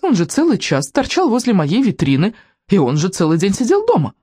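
A reader voicing a fat, angry, bossy shop saleswoman who scolds in a high, shrill voice in an audiobook. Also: wildly swooping pitch, brisk, warm tone, breathy edge, no echo, studio quality. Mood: scolding. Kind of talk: audiobook character voice.

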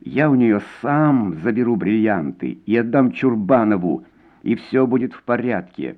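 Man voicing a soft coaxing baritone. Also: animated, a little slow. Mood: decisive. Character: soft-spoken, smooth male baritone singer. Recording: tinny phone-like sound.

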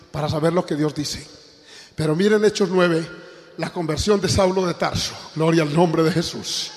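Impassioned older preacher, echoing hall. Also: male voice. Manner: impassioned preaching, swings from loud exclamations to low emphatic tones. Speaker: pastor. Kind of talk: sermon. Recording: long reverb in a large hall.

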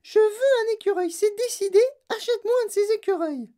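A woman voicing a spoiled rich little girl who whines, demands and yells in a very high voice. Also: a little fast. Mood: demanding. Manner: whining, demanding, yelling.

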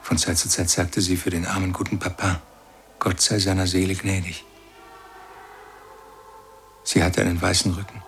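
An actor in a radio play narrating as a grown son who recalls his childhood in slow, brooding words and keeps turning to address his mother. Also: low-pitched, creaky, fairly bright tone, full character voice. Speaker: first-person narrator.

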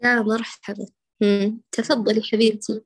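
A woman teaching Quran recitation in an online class, correcting a student and demonstrating sounds slowly. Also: mid-range voice, level tone, slightly rough, dry recording.

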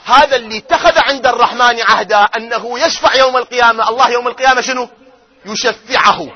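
A man giving a religious lecture, who swings from loud chanting of verses to quiet asides and keeps asking his audience questions. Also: high voice. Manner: asks his audience questions and answers them himself. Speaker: cleric lecturing on doctrine.

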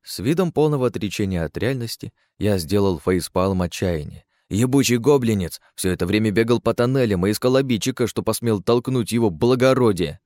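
Male audiobook narrator, low voice, dry close sound, sardonic crude first-person telling. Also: animated, fairly quick, hardly any pauses, darkish tone, no echo.

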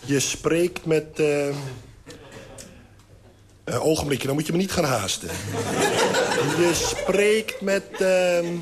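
Male comic as a hungover guy on the phone, mumbly and giggly, a bit high-voiced, loud hiss behind. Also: big pitch swings, quick pace. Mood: groggy. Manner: mumbling, laughing, fumbling for words. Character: groggy hungover man phoning his drinking buddy. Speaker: comedian performing a hungover caller. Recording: noisy old radio recording.

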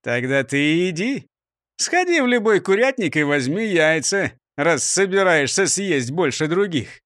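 A man's voice: on the high side, sing-song, a little slow, fairly bright tone, no echo, clean studio sound. Man doing a bossy, sneering robber chief. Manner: barking and mocking. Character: bossy, scornful male robber gang chief.

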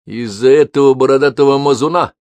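A man voicing a hot-tempered young highlander who angrily accuses his sister's suitor. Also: a little fast, dry recording, natural voice. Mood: angry. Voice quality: shouting, harsh.

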